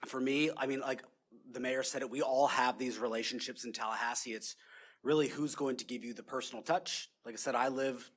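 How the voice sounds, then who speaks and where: A man's voice: medium pitch, fairly even intonation, brisk, a bit bright. A man speaking as a lobbyist in a council meeting, answering questions politely with many fillers and "yes, sir". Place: city council chamber.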